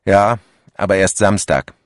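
A man's voice: fairly low pitch, unhurried, clear, resonant tone, no echo, clean studio sound, voice pushed up, lightly acted. A man reading the lines of a practical, matter-of-fact wife in an audiobook, with curt, dryly teasing replies. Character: practical middle-aged housewife, dry and matter-of-fact.

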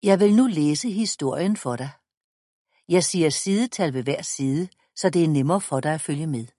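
Low husky woman reading a storybook. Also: expressive, dark tone, no echo, clean studio sound. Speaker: audiobook reader. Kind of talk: reading a children's book aloud.

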